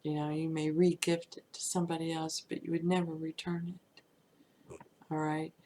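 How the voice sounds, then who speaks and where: A woman's voice: deep voice, little pitch movement, normal speed, mellow, slight background noise, poor audio. A woman teaching manifestation through casual, chatty storytelling, often saying "you know" and laughing lightly.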